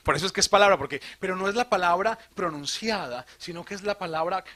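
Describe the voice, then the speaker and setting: A man from Colombia, a priest, giving an animated theology talk to a live audience, asking questions and joking. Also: sits high, fast. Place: retreat hall.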